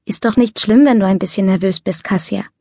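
Woman reading a calm, self-assured teenage boy. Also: mid-range voice, brisk, dry recording, studio quality, lightly acted. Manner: gentle, reassuring.

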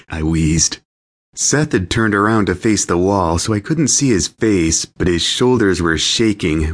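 A man narrating a romance audiobook in first person, in a lively, amused storytelling manner. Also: on the low side.

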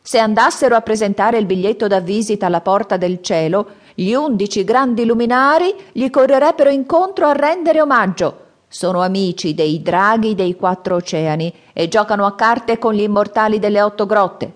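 A woman voicing an old man with a staff who warns and boasts, with high, drawn-out cries. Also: animated, lightly acted. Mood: mocking.

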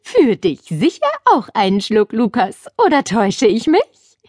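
A woman voicing a kindly, gently teasing great-aunt in her later years, telling an old story in an audiobook for children. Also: on the high side, sing-song, unhurried, dry recording, clean studio sound, voice pushed up. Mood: warm, reminiscing.

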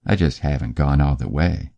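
A man's voice: very deep voice, normal speed, creaky, warm tone, lo-fi sound. A man voicing a bold, dominant young woman in an audiobook, with a raised voice. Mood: assured.

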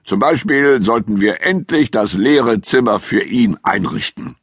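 A man's voice: lowish voice, animated, unhurried, gravelly, fairly bright tone, husky, dry recording, exaggerated voice. A man voicing an earnest, slightly pompous family father in a children's audiobook. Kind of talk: audiobook character voice.

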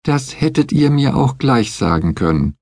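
A male narrator putting on a naive, stubborn young woman's voice in a storybook audiobook. It comes out high, sulky and petulant, swinging widely in pitch over a husky grain. The sound is close and dry. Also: big pitch swings, normal speed, darkish tone, no room sound.

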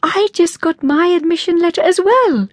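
A woman voicing a playful teenage princess in a breathy, half-whispered voice. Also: medium pitch, big pitch swings, slow, no room sound, pitched above the performer's own voice, exaggerated voice.

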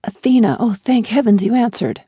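A woman voicing an older male family attorney who speaks softly and consolingly in an audiobook. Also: a little high, animated, moderate pace, breathy edge, dry recording, pitched above the performer's own voice. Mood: gentle, grave. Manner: soft, consoling.

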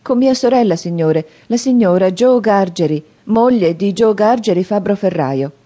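A woman's voice: mid-range voice, lively intonation, normal speed, warm tone, voice pushed up, natural voice. A woman reading an audiobook, voicing a frightened little boy who answers timidly and politely.

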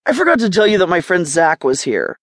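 A woman voicing an excited, upbeat young man who loves to party, in an audiobook. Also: fairly low pitch, brisk, no echo, studio quality. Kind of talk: audiobook character voice.

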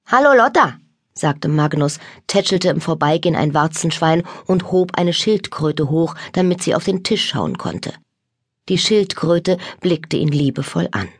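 A woman narrating a children's audiobook with lively, expressive storytelling on a close studio mic. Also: sits low, measured pace, slightly rough, no room sound.

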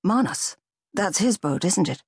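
A woman voicing an eager young man who asks questions in a bright way. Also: mid-range voice, expressive, a little slow, slightly rough, dry recording, clean studio sound, voice pushed up.

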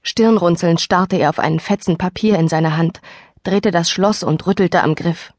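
A woman's voice: lowish voice, moderate pace, no echo. Woman narrating an audiobook, dry close mic. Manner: lively, expressive storytelling. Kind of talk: scripted first-person audiobook narration. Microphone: dry studio microphone.

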